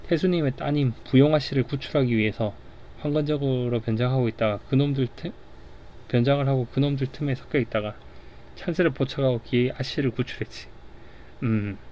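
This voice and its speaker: A man's voice: medium pitch, warm tone, a little hiss or hum. A man reading a comic aloud in an easygoing way for a sleep broadcast, with small slips and restarts. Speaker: storyteller.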